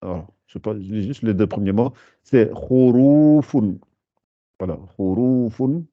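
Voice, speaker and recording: A man teaching a beginner language class, patiently repeating sounds slowly to show how they are pronounced. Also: lowish voice, dry recording, phone-quality sound. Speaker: Arabic teacher.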